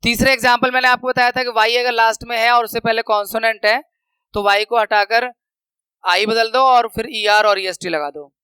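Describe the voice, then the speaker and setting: A man teaching a grammar lesson, patiently explaining slides and slowly repeating example words. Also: very high voice, fairly even intonation, bright, forceful tone, smooth, no echo, poor audio.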